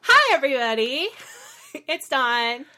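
A woman's voice: high voice, sing-song, a little slow, over music. A woman co-hosting a podcast in casual chat, chatty and upbeat with frequent giggles. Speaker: podcast co-host.

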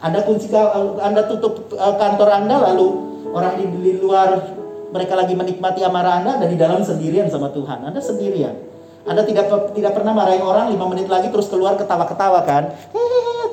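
A woman pastor preaching a sermon, exhorting her listeners, repeating phrases and often saying "Amin". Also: medium pitch. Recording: roomy hall sound with faint instrument music.

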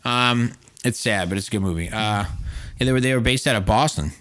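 Bright-voiced, profane, teasing man. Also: fairly low pitch, brisk. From United States. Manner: profane, mocking, animated teasing. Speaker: podcast co-host. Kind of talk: casual banter podcast.

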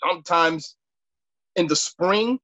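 A high-pitched, bright, forceful voice belongs to an American sports referee in his late thirties, chatting casually as a podcast guest and haltingly repeating words and phrases. The low-quality recording has no echo.

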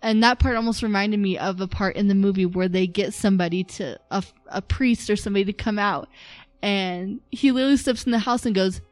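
A woman hosts a podcast and walks through a story in a relaxed, conversational way. Her voice sits mid-range and sounds dry and close to the microphone. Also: mid-range voice, fairly quick, no room sound. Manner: narrates from notes, chatty with laughs. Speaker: podcast host.

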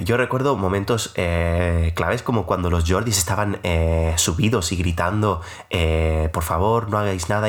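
A young man in his twenties hosting a podcast, telling a personal story in a casual, rambling, self-mocking way with many filler sounds. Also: low voice.

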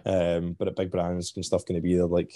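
A man's voice: deep voice, monotone, fairly quick, dark tone, no echo. A Scottish man chatting as a podcast guest, rambling with many fillers and restarts. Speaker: podcast guest, festival organizer. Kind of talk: casual podcast chat.

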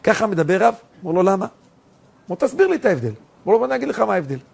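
A middle-aged rabbi preaching a sermon, telling stories and acting out the dialogue with big jumps in pitch and loudness. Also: male voice, very animated, gravelly, husky.

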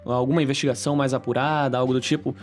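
A man with a Gaúcho Portuguese accent interviewing a guest, asking halting, hesitant questions. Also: medium pitch, little pitch movement, soft background music. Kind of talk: casual interview.

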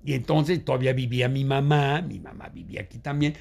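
An older man with a Mexican Spanish accent, telling family stories as an interview guest, animated, acting out what others said. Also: mid-range voice, fairly quick, creaky. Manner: animated, acts out quoted voices. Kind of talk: storytelling in a casual interview.

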